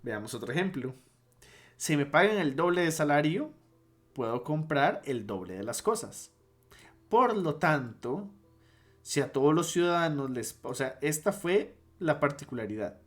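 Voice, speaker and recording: A man's voice: fairly high pitch, sing-song, unhurried, fairly bright tone. A man teaching logic in a casual online lecture, explaining step by step and stopping to restate and correct himself.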